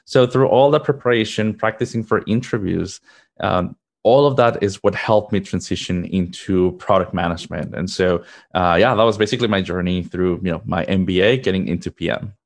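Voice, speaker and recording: A man's voice: low voice, a little fast, gravelly. A man in his thirties from Mexico, a product manager answering interview questions in an earnest, upbeat way with fillers and restarts.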